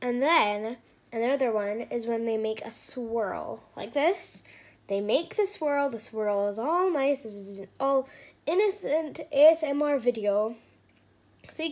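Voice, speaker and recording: A woman's voice: on the high side, lively intonation, unhurried, darkish tone. A woman hosting a comedic slime skit, exasperated and sarcastic, with lots of fillers. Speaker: channel owner.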